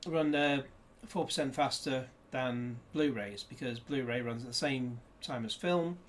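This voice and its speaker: Unboxing a disc at his desk, a reviewer chats casually and rambles with jokey asides, recorded indoors on a desk camera. His mid-range voice moves at a measured pace, and a little hiss or hum is audible.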